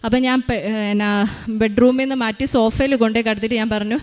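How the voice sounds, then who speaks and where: A woman's voice: fairly high pitch, steady tone, fast talker. A woman in her thirties giving a spoken faith testimony as a mother, retelling events earnestly with many hesitations.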